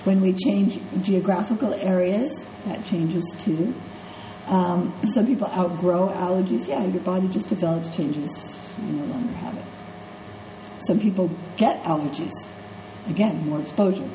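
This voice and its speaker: A middle-aged woman with a congested, fairly low, mellow voice speaks unhurriedly as a nursing instructor giving a conversational lecture. She keeps checking in with her students through "okay?" and "right?" The echoey classroom carries faint ambience and slight background noise.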